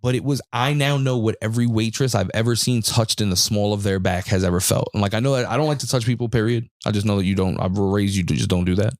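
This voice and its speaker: Deep-voiced man telling a story on a podcast. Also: fast talker, few pauses, dry recording, clean studio sound. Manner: animated storytelling, laughing, heavy slang and swearing. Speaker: podcast co-host. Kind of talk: casual chat.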